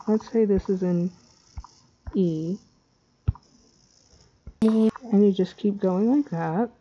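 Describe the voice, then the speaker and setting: A woman walks through a casual screen tutorial at a slow pace, hesitating and losing her thread. Wearing a retainer makes her speech slightly slurred. The recording is dull and lo-fi, and her pitch is average for a woman. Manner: scatterbrained, hesitant. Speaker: tutorial maker.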